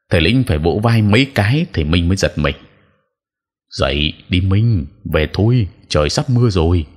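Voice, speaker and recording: A man narrating a horror story in a measured, even storytelling voice. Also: low-pitched, husky.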